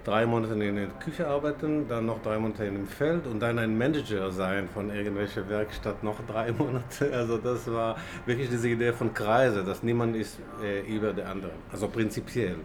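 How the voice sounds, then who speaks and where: Man from Israel, non-native German, lowish voice, halting with fillers; café noise behind. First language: Hebrew. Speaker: animation lecturer, guest. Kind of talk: casual interview in a café. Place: small café indoors.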